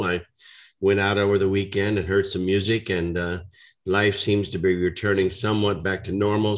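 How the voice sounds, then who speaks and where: A man hosts an interview, relaxed and easy, often pausing with uh and um. His voice sits a little low. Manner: relaxed, filler-heavy. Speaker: interview host. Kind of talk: conversational interview.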